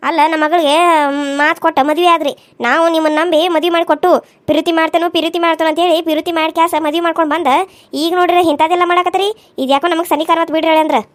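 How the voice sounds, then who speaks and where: A woman's voice: sits high, little pitch movement, racing, few pauses, natural voice. A woman voicing an angry older mother-in-law in a cartoon serial, scolding. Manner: scolding, reproachful.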